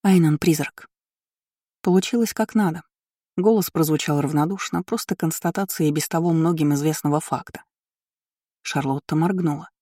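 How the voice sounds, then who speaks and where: Brief: measured novel narrator, mellow dark timbre, dry close recording. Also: mid-range voice, no echo. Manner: even, measured storytelling. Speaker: audiobook narrator. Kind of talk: scripted narration.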